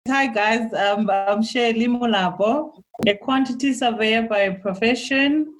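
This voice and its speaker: A woman's voice: a little high, unhurried, low-quality recording. South african woman guest, chatty and candid, talks it through. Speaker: guest, quantity surveyor. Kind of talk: casual chat.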